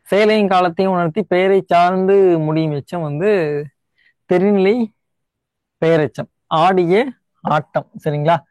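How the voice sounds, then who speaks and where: High-voiced Tamil teacher, dry close sound. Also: male voice, dry recording. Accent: Tamil Nadu Tamil. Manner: explains step by step, often checks in with "right?"; repeats key words slowly to stress them. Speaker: Tamil grammar teacher for exam prep. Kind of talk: online exam-prep lesson.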